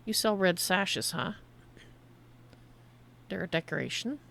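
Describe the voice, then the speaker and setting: A woman's voice: fairly low pitch, expressive, a little slow, gravelly, fairly bright tone, a little hiss or hum. A woman streaming a game, giving casual live commentary and often muttering to herself.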